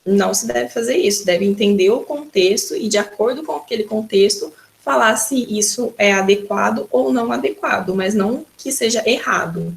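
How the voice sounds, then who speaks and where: A woman's voice: medium pitch, normal speed, gravelly, few pauses. A woman teacher with a Brazilian accent giving a recorded school lesson, patiently explaining and often starting her sentences with "então". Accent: Brazilian Portuguese.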